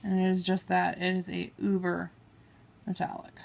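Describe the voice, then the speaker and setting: A beauty vlogger talks casually through her makeup haul in a fairly low, darkish voice with vocal fry, speaking in a monotone at a moderate pace. She swatches shades on her arm and apologizes for mispronouncing names. A camera on a table films her hands.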